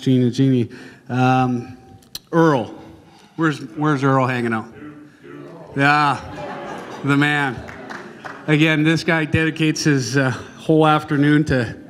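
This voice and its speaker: A man giving an informal, halting awards speech in front of an audience, with a casual, folksy manner. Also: mid-range voice. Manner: casual, folksy, halting with frequent ums and pauses. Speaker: event speaker presenting awards. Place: large banquet hall. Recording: echoey hall over PA, long reverb.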